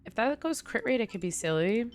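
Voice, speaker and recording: Her voice is a little high, animated, and fairly quick as this young woman chats through a game livestream. She drifts into conversational asides, and background noise comes through clearly.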